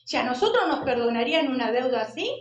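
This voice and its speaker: A woman preacher giving an expressive sermon and putting questions to the congregation. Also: high voice, fast talker, roomy sound, dull audio.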